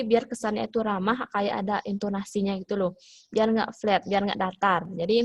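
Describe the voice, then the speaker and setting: A woman's voice: medium pitch, no echo. A woman teacher with an Indonesian accent, explaining a hospitality English lesson with many fillers and English phrases mixed in. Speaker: vocational school English teacher. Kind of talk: online class lesson.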